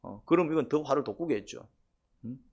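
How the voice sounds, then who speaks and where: Male pastor, sermon, lively pitch, question-and-answer style. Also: a little fast, lo-fi sound. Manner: conversational, asks the congregation questions and answers them himself; acts out quoted voices, sometimes shouting.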